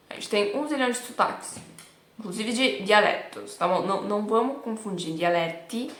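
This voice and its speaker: A woman's voice: mid-range voice, a bit bright, echoey room. A woman from Milan, a native Italian speaker with a Milanese accent, teaching in a chatty, casual way and checking in with her students often. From Milan, Italy. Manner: chatty, keeps checking in with "tá bom?". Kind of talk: casual online lesson.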